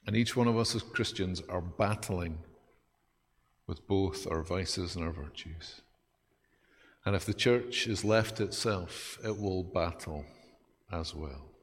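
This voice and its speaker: Male pastor, low voice, lively, self-deprecating sermon, long church reverb. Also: slow pace, slight background noise.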